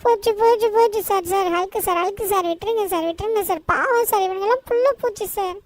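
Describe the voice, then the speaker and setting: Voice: very high voice, fast talker, no echo, distant mic, voice pushed down. A performer voicing a cheeky, easily panicked little cartoon boy who begs frantically in a comic game voice-over. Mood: panicky pleading. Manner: frantic pleading, constant "sir, sir" begging.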